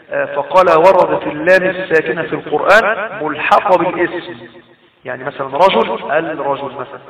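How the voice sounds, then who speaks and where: A man's voice: a little high, vocal fry, sharp tone. A man with an Egyptian accent teaching Quran recitation rules in a recorded lesson. He explains step by step, repeats his points and asks rhetorical questions. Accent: Egyptian Arabic. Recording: tinny phone-like sound, roomy and distant from the mic.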